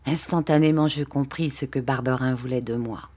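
A woman reading a classic novel aloud as narrator, slow and clear. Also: very deep voice, fairly even intonation, a little mellow. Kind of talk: storybook reading.

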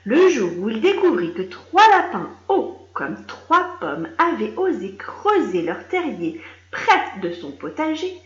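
A woman reading a children's story aloud, expressive and speaking directly to a young listener. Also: medium pitch. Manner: slow, expressive, addressing a child. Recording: roomy, slightly dull recording.

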